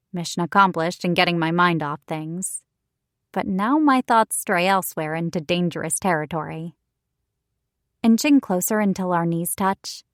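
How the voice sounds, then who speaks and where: A woman narrating a first-person romance audiobook in a slightly low voice, expressive and wry. She reads close to a studio mic, and the sound is very dry. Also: no echo.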